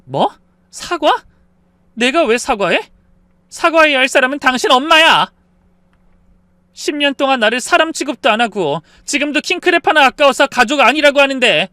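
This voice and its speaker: Brief: fed-up wife standing up to her in-laws, voiced by a man, crisp and dry, defiant. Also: very high-pitched, animated, normal speed, pushed and bright, no room sound, exaggerated voice. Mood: indignant. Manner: indignant, defiant retorts. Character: fed-up daughter-in-law, wife of ten years.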